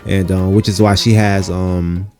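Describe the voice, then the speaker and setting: A man's voice: deep voice, flat delivery, measured pace, darkish tone, soft background music. A man voicing a flirty male farmer who sweet-talks his wife in an easygoing, complimentary way.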